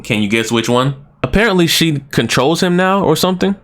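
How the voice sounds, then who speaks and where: A man's voice: fairly high pitch, brisk. A man reviewing a movie in a loose, casual way, his voice swinging wildly up and down. He jokes and exclaims and rants at the characters. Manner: animated, joking, exclaiming.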